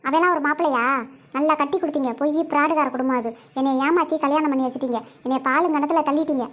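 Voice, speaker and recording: A woman's voice: high-pitched, steady tone, quick pace, fairly bright tone. A young woman acting a scolding, indignant bride in a scripted comedy sketch.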